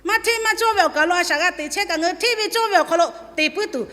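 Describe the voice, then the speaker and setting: A woman's voice: extremely high pitch, fast talker, sharp tone. A woman preaching a sermon in a church service. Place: church hall. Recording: long hall reverb.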